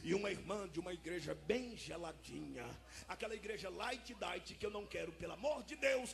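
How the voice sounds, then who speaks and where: A man with a Brazilian Portuguese accent preaching a fiery, shouted, sing-song sermon. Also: high voice, creaky. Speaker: pastor.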